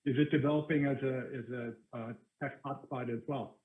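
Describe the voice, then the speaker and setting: A man moderates a panel, heard through a narrow, tinny, phone-like call line. His voice sits at an everyday middle pitch, and he feels his way through each question with repeats and "uh"s. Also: steady tone. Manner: halting, many restarts and fillers.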